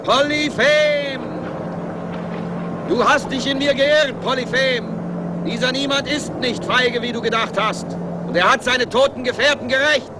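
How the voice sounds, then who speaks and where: Odysseus proudly taunting the giant. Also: male voice, very high voice, measured pace. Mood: defiant. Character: defiant Greek hero-king taunting a giant. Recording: clear noise behind the voice.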